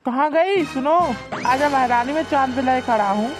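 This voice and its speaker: A woman's voice: sits high, moderate pace, music in the background, close to an everyday voice. Woman voicing a grumbling henpecked village husband. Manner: complaining, threatening, rustic dialect. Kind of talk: cartoon voice acting.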